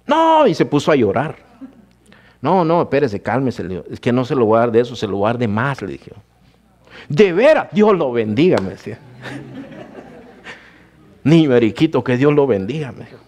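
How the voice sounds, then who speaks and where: A man's voice: mid-range voice, very animated, moderate pace, long pauses, a little mellow. A man preaching a sermon, telling his own testimony and calling his listeners brother. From Guatemala. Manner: addresses listeners as brother, storytelling.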